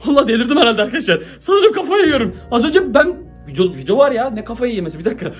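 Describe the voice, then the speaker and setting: High, fast-talking excited young man. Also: faint music behind. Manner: frantic, exclaiming, confused. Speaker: YouTuber. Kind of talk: excited vlog talk to viewers. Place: home.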